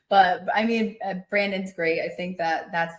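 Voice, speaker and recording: A woman in her forties, a podcast guest chatting casually and warmly, animated and quick with asides, laughing often. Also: mid-range voice. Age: 40s. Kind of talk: casual chat.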